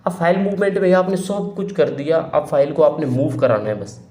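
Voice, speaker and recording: A man's voice: on the high side, lively intonation, normal speed, darkish tone. Man teaching in an echoey room. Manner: repeats questions to students, explanatory. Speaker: exam-prep teacher. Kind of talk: online lecture.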